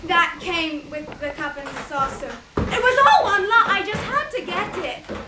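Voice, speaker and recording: A woman playing a fond, high-voiced mother. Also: measured pace. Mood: flustered. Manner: wistful, storytelling, quotes others fondly. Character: fond mother recalling her courtship. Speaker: stage actor. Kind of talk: stage play acting. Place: theatre stage. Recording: echoey stage miked from far off, light hiss.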